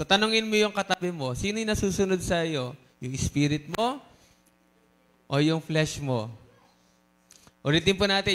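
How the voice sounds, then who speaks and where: A man preaching a sermon in a lively, teasing way, mixing in English phrases and joking asides to the congregation. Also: a little high. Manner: mixes Tagalog and English. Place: church service.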